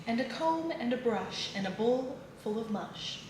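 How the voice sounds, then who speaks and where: Woman reading kids books out loud, sing-songy, kinda high voice, echoey room w noise behind. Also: animated, a little slow. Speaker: children's book reader. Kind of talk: read-aloud storytelling for children.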